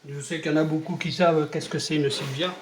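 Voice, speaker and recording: A man's voice: fairly high pitch, steady tone, fast talker, a little hiss or hum. A man talking casually in a hobby vlog, hesitant and rambling with many fillers, showing paint tests to the camera. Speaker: scale model hobbyist.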